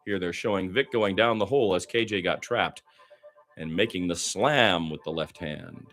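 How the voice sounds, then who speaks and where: A low-pitched man does live basketball commentary in the manner of a radio play-by-play announcer. He's conversational in the lulls between plays but grows excitable when the action turns fast.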